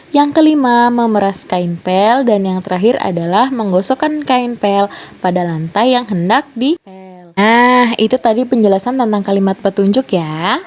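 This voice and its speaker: A woman's voice: mid-range voice, a little mellow. A young woman from Indonesia, a student teacher giving a primary school lesson and patiently explaining step by step with questions to the class.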